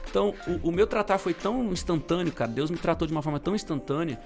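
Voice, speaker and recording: Fast, gravelly São man. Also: fairly high pitch, expressive, faint music behind. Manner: slangy, emphatic storyteller, bursts of loudness. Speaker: guest sharing conversion testimony. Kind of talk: casual testimony chat.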